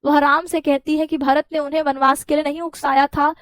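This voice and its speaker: A woman teacher explaining a poem line by line, reading verses slowly and then paraphrasing them in plain words. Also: high voice, level tone, no room sound. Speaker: Hindi teacher.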